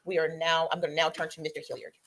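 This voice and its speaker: Woman judge, courtroom recording playback; low voice, quick procedural delivery. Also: level tone, a bit bright, slight background noise. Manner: brisk, procedural, with frequent ums. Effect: courtroom recording played back. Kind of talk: presiding over court proceedings.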